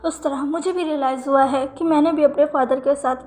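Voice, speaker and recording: A woman's voice: high-pitched, fairly even intonation, a little fast, darkish tone, lightly acted. A woman voicing a caring, protective young man who pleads and reassures with urgent questions, in a storybook reading. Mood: reassuring.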